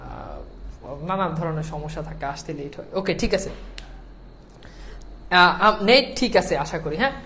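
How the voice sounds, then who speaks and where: A woman's voice: lowish voice, animated, normal speed, long pauses, a bit bright, slight background noise. A woman with a Bangladeshi Bengali accent teaching an online class, patient, repeating points and often checking whether students follow.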